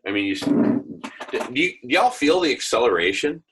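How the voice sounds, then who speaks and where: There's background noise as a man with a mid-range voice and big pitch swings hosts an online group discussion, heard through earbuds on a video call. At a moderate pace he talks casually and at great length, enthusiastic and idealistic, with emphatic repetition in his rambling, visionary way.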